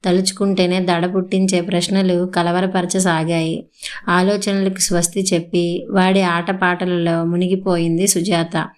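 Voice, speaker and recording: Woman audiobook narrator, low smooth voice, steady scripted reading. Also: measured pace.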